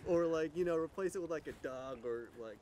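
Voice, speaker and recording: A man's voice: a little high, fairly quick, darkish tone, slight background noise. A man talking casually as a video project collaborator, rambling with many fillers and restarts. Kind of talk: casual chat.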